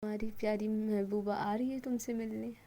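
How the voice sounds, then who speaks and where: A woman's voice: medium pitch, steady tone, normal speed, warm tone, lightly acted. A woman voicing a young woman friend who teases in a love story. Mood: teasing.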